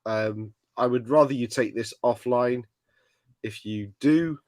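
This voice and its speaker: A man's voice: mid-range voice, measured pace, a little mellow, no echo. A man co-hosting a casual livestream, joking and laughing often as he talks. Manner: laughs often, jokey interruptions. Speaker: co-host.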